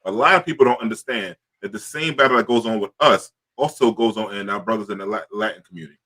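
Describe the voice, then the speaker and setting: Male talk-show host, quick and bright, loose excitable banter. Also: on the low side. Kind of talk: casual talk-show chat.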